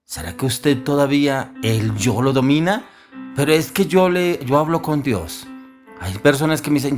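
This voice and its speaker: A man preaching a sermon, earnest and firing off rhetorical questions. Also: medium pitch.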